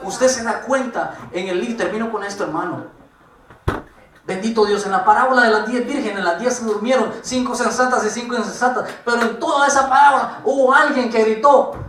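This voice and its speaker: A man preaching a church sermon, moving between hushed pleading and shouted exhortation. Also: extremely high pitch, a little fast, recorded from a distance, a little hiss or hum. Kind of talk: Spanish-language church sermon. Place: church sanctuary with congregation. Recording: echoey church recorded from afar.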